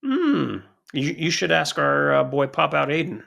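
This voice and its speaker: A man's voice: a little high, sing-song, measured pace, vocal fry, fairly bright tone. A man co-hosting a podcast in casual chat, blunt and swearing freely, often cutting in over his co-host.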